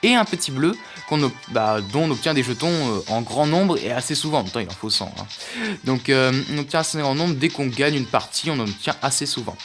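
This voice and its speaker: Game music accompanies a man who casually narrates a mobile game as a gaming YouTuber, hesitant and prone to fillers and restarts. He speaks fairly quickly in a mid-range, expressive, somewhat bright voice.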